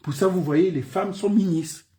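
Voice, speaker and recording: Speaking at a normal speed in a high, mellow voice, this Gabonese man, a political commentator with a Gabonese French accent, gives a passionate political speech that leans on repeated phrases and rhetorical questions.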